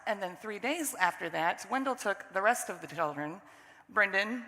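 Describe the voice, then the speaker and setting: A middle-aged woman with a hoarse, still-recovering voice, giving a conversational sermon as guest preacher, candid and self-deprecating. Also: mid-range voice, animated, normal speed, bright, forceful tone. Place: church sanctuary. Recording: long church hall reverb.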